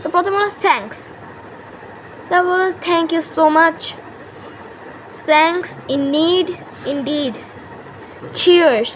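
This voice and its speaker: A woman teaching English to kids in a casual online lesson, repeating each phrase slowly for practice. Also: extremely high pitch, fairly bright tone, dull audio, slight background noise.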